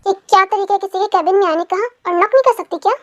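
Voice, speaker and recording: A sarcastic young male CEO, short-tempered and cutting, voiced by one reader in a fan audio drama. The voice is very high-pitched and has faint music behind it. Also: fast, fairly bright tone. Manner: curt, sarcastic.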